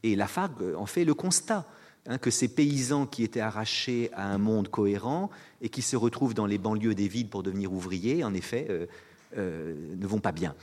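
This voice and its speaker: A man's voice: on the low side, moderate pace, a little mellow. Hesitant man in a reverberant hall. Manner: hesitant, many fillers and restarts. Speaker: speaker on fatigue and rest. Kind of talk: reflective spoken talk.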